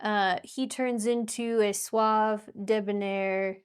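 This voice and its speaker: A woman's voice: medium pitch, fairly even intonation, slow, smooth. Chatty woman co-hosting a TV recap. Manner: chatty, explanatory. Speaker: podcast co-host. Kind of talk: casual chat recapping a TV episode.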